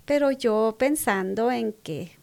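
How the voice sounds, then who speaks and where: A woman with a Mexican Spanish accent giving a personal faith testimony, softly spoken, often sinking to a breathy half-whisper and acting out the quoted dialogue with rising emphasis. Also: on the high side, slow pace.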